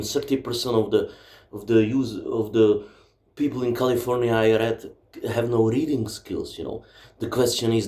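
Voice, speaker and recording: A man whose first language is Czech, and whose accent shows it, rants emphatically and with profanity as a book vlogger at home among his books. His medium-pitched voice is mellow, and the recording carries a roomy echo.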